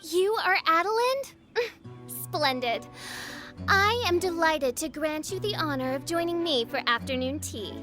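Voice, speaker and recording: A woman's voice: very high-pitched, lively intonation, unhurried, sharp tone, exaggerated voice. A woman voicing a haughty teenage self-styled princess in a video game, with pompous, archaic, theatrical grandeur. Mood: grandly pleased. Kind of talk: video game character acting. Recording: music under the voice.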